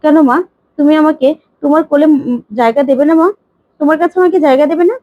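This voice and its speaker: A woman's voice: sits high, quick pace, dry recording, dull audio, pitched above the performer's own voice, natural voice. A woman reading as a begging disgraced son. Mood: pleading. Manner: pleading. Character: disgraced grown son, begging his mother.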